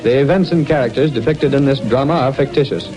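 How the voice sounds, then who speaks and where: An actor serving as a grave, declamatory announcer for an old radio crime-fighter serial, with music behind him. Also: male voice, mid-range voice, quick pace, close to an everyday voice, poor audio. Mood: dramatic, grave. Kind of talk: 1930s-40s radio announcing. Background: loud music.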